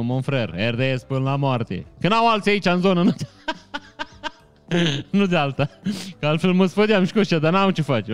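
A man's voice: a little high, clear, resonant tone. A man hosting a casual live stream, greeting viewers by name and answering chat comments with frequent laughs. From Romania.

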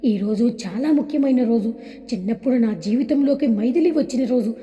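Woman reading a lovesick young man, tender, wistful, high, mellow, long hall reverb. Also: brisk, muffled recording, close to an everyday voice.

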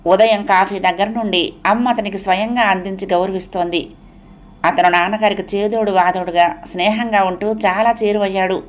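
A woman's voice: medium pitch, steady tone, normal speed. Woman narrating an audio novel.

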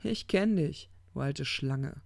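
A reader puts on a muddled, drunken angel who means every word and keeps losing his thread. The voice is gravelly and mellow, with a dry, close sound. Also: medium pitch, lively intonation, takes it slowly, no room sound. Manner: slurred, searching for words. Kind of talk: audiobook character reading.

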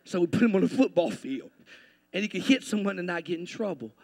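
High gravelly preacher. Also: male voice, expressive, fast talker. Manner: builds from quiet storytelling to shouted preaching; folksy, speaks to the congregation as y'all. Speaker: pastor. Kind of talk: sermon.

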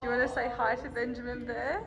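A woman's voice: a little high, level tone, fairly quick. A woman chatting casually as a visitor in a hospital room. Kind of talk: casual chat. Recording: echoey, noisy hospital room.

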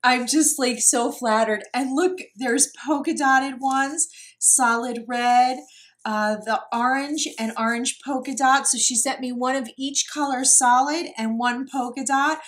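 A woman's voice: high-pitched, fairly even intonation, measured pace. A woman from New York chatting casually as she unboxes craft mail, gushing and laughing often. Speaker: craft vlogger.

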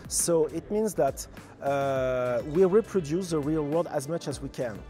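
A man's voice: fairly high pitch, unhurried, warm tone, faint music behind. A man answering interview questions in an exhibition hall, hesitant with many fillers and careful phrasing.

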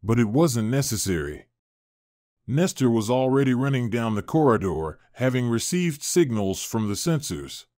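A man narrating a dramatic story in a smooth, expressive reading style. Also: medium pitch, moderate pace, dry recording, clean studio sound.

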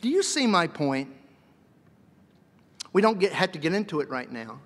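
High-voiced man lecturing in a hall. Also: normal speed. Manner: lively, jokey, acts out voices. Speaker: seminary lecturer.

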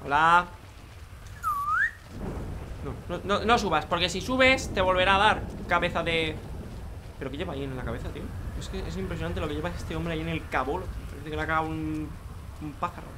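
A man's voice: on the high side, brisk, long pauses, background noise. A young man, joking crudely and chatting casually as he plays a racing game. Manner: joking, crude, talks to himself and viewers. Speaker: gaming youtuber. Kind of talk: casual gameplay commentary.

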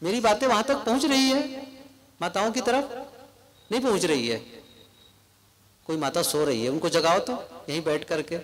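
A man giving a devotional sermon to a live gathering, speaking slowly and often asking the audience questions. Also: high-pitched. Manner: slow, questioning, with rhetorical asides to the audience. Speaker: spiritual preacher. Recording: crowd noise from a live gathering.

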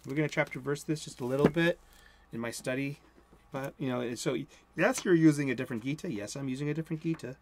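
This host talks fast in a mid-range voice. A man in his forties with a Boston accent, he gives an informal sermon from a cluttered home room, rambling along and interrupting himself. Excitement makes him mumble and speed up further.

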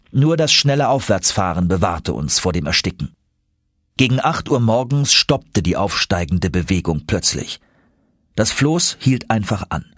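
A man narrates an audiobook with lively, expressive storytelling, his pitch moving a lot. His voice is somewhat husky, recorded close and dry with no room sound. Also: no room sound. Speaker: audiobook reader. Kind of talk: scripted narration.

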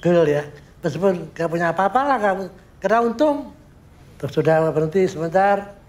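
An older man recalling his work in a documentary interview, an animated storyteller who acts out what he remembers. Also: sits high, moderate pace. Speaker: sculptor recounting his work.

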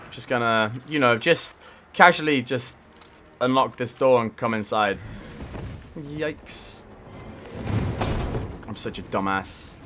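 A young man giving let's play commentary on a desktop mic, swearing a lot with jittery nervous laughter. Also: lowish voice. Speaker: gamer.

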